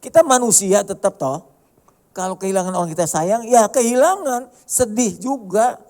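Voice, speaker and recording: A male pastor preaching a sermon in a colloquial way, dropping to a hush and then rising to loud emphasis, and acting out the dialogue he quotes. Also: high-pitched, expressive, normal speed. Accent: Indonesian.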